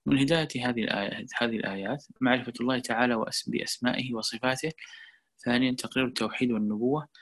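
A man teaching a religious lesson and answering questions in an online class, measured and explanatory, repeating words for emphasis. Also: mid-range voice, fairly bright tone. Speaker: Quran teacher. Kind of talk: religious lecture and Q&A.

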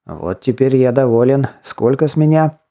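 A man's voice: mid-range voice, lively intonation, moderate pace, vocal fry, dark tone. A man voicing a stern nobleman and former detective who gives curt, commanding orders in an audiobook.

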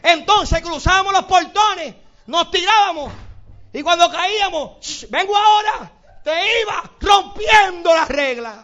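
Puerto rican preacher guy, super high-pitched voice, acts out scenes and shouts, kinda dull lo-fi sound. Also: a little slow. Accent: Puerto Rican Spanish. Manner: animated preaching with acted-out quotes and sudden shouts. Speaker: pastor. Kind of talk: sermon.

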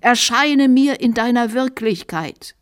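Old bishop in a radio story, trembling and shrill, slow and loud; a female reader puts him on. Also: lively intonation. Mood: shrieking. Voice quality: trembling old voice, shrieking high. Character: old male bishop, fanatical, fearful, shrill.

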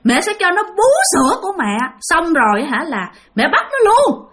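A woman voicing a menacing ghost mother who shouts threats in a shrill, piercing voice. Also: big pitch swings, normal speed, exaggerated voice. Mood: scheming.

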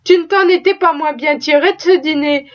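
Teasing teenage boy read by a woman, playful and boastful, high voice, lo-fi audio. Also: moderate pace, natural voice. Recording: slightly dull lo-fi recording.

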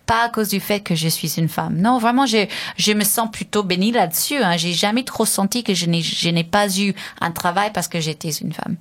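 Woman, American accent, native English speaker, radio interview guest, mid-range pitch, chatty, restarts. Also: moderate pace, few pauses. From United States. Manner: lively, chatty, frequent restarts and laughs.

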